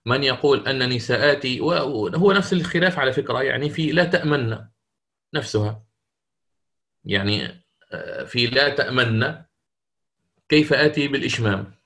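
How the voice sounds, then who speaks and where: A man teaching recitation rules in a recorded lesson, explaining step by step with frequent drawn-out filler pauses. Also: mid-range voice, fairly bright tone. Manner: demonstrates recitation slowly and melodiously.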